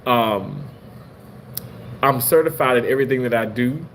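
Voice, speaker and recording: A man in his late thirties, a surgical assistant, telling stories in a rambling, animated way with many restarts. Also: medium pitch, moderate pace, slight background noise. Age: 30s. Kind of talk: casual storytelling monologue.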